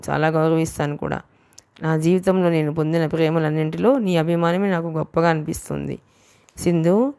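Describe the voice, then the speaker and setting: A woman reading the lines of an earnest young man in love, in a soft, confiding way, for an audiobook. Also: deep voice, clean tone.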